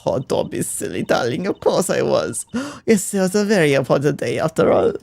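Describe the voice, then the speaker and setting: A man's voice: a little high, sing-song, brisk, vocal fry, darkish tone, full character voice. A man voicing a flamboyant, theatrical older woman who talks in an airy, affected way and drops foreign phrases. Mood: breezy theatrical.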